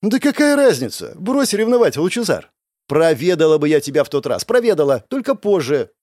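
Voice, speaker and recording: A man voicing a cheeky, bossy young dark-haired girl in an audiobook, teasing and quick. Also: fairly high pitch, very animated, no echo, clean studio sound. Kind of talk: audiobook character voice.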